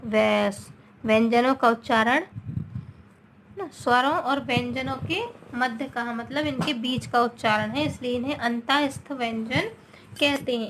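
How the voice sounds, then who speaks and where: A woman with a high voice teaches a grammar class at a slow, patient pace. She repeats each sound for her students and keeps checking they follow. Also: a bit bright, a little hiss or hum. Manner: mixes in English words.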